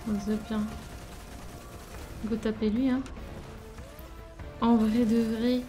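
A woman's voice: on the high side, flat delivery, takes it slowly, over music. A woman chatting casually while she plays a video game with a partner. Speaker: game streamer's co-player. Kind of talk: casual chat while gaming.

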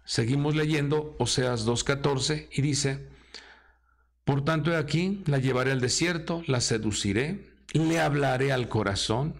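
Man preaching from the pulpit: slow and theatrical, raspy fry. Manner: dramatic preaching, acting out quoted voices with swings in pitch. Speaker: apostle preaching. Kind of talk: sermon.

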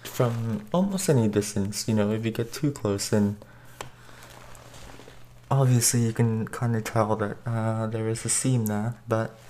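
A man casually reviewing a mask while wearing it, hesitant with many pauses and restarts, his voice coming through the face mask. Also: fairly low pitch, dark tone, slight background noise.

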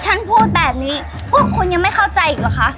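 A woman's voice: very high voice, sing-song, fast. An actress playing a wronged, insistent young female migrant labourer, protesting earnestly in a short drama. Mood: indignant, defiant. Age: young adult. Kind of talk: acted melodrama dialogue. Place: outdoors at a building site. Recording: music under the voice.

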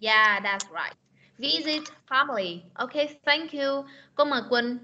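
Bright-voiced woman teacher. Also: high-pitched, lively intonation, slight background noise. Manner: patient, models pronunciation by repeating words slowly. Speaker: English teacher. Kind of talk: online class instruction. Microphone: video call. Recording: lo-fi video meeting recording.

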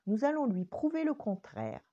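Older woman doing bossy little girl, higher voice, ordering, storybook, dull sound. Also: huge pitch swings, moderate pace, dark tone. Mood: resolute.

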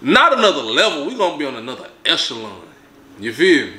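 A man's voice: a little high, sing-song, fast talker, bright, forceful tone, reverberant. A young man hosting a casual vlog from a living room sofa, laid-back but hyping up his viewers. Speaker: vlog host.

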